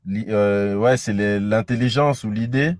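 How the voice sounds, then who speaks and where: A man's voice: lowish voice, a little slow, darkish tone, dry recording, studio quality. A man taking part as a student in a language lesson, guessing meanings hesitantly with many fillers.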